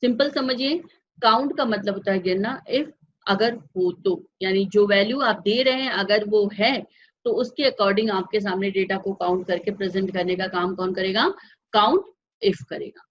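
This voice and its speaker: A woman's voice: medium pitch, normal speed, muffled recording. A woman teaching a computer class, patiently walking through each step and checking that the class follows. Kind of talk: step-by-step software lesson.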